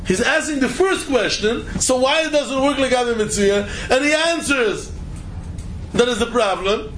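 A man's voice: very high-pitched, moderate pace, a bit bright, slight background noise, poor audio. A man with lecturing informally as a Talmud teacher, asking rhetorical questions and repeating phrases for emphasis.

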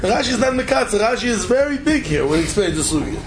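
A man's voice: high voice, very animated, fast talker, noisy background. A man with lecturing informally as a Talmud teacher, asking rhetorical questions and repeating phrases for emphasis.

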